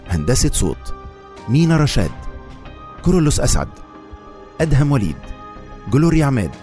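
A man plays an old radio serial announcer reading credits formally. His voice is dark and relaxed, with big melodic swings. Soft music sits behind him. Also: mid-range voice, fairly quick, lightly acted. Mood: formal announcing.

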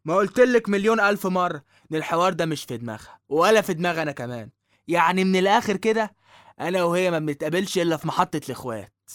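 A man's voice: high voice, lively intonation, very fast, fairly bright tone, no room sound, clean studio sound. A man with an Egyptian accent playing a put-upon, cheeky young working-class son in a drama, slangy and complaining. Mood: exasperated. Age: young adult. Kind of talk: dramatic dialogue.

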